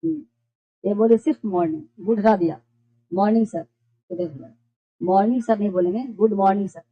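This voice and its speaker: A woman's voice: medium pitch, animated, brisk. A woman teaching a basic English class, explaining phrases patiently and quizzing her students with repeated questions. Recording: dull lo-fi classroom recording.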